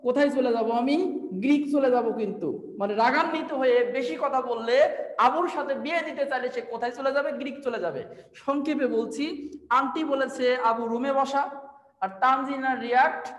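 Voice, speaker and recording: A man's voice: very high-pitched, normal speed, fairly bright tone, roomy sound, long reverb tail, low-quality recording. A man with a Bangladeshi Bengali accent, teaching an online admission test class, drilling students with questions and spinning memory-trick stories. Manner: teaches memory tricks through playful storytelling.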